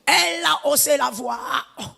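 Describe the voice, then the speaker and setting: A middle-aged woman pastor delivering a sermon, animated and half-singing some phrases, breaking into shouts. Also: high-pitched, normal speed, gravelly, long reverb tail. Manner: animated preaching, lapsing into sung phrases and shouts.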